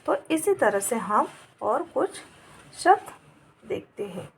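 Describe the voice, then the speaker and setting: Slow, gravelly-voiced woman teaching. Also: fairly high pitch, very animated. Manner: slow, patient word-by-word dictation. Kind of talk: Hindi grammar lesson.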